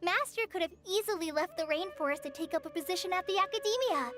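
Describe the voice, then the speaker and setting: A woman's voice: very high-pitched, fast talker. A woman voicing a shy young woman ranger apprentice who hesitates and stammers, in a game. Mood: earnest. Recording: game audio with music.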